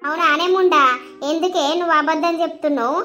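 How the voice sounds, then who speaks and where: A woman voicing a jealous, tearful young village woman with a Telangana Telugu accent, shrill and scolding. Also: fairly even intonation, quick pace, bright, forceful tone. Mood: accusing. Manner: shrill scolding, wailing accusations. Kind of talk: cartoon voice acting.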